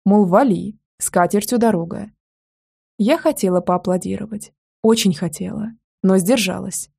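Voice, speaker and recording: Woman audiobook narrator, first-person, lively, gravelly voice, mid pitch. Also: moderate pace.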